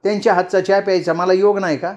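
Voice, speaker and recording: A man's voice: sits high, flat delivery, fast, voice pushed up, lightly acted. A man doing a teasing older woman friend. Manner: teasing, scolding, familiar. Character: sharp-tongued middle-aged woman friend, teasing.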